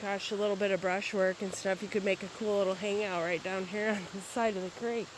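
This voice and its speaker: A woman's voice: mid-range voice, steady tone, a little fast. Chatty woman outdoors by a babbling creek. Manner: chatty, talking while walking. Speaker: real estate agent filming a property walkthrough. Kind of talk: casual narrated outdoor video tour. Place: outdoors on a wooded property by a creek. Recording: faint outdoor background noise. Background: outdoor ambience by a babbling creek.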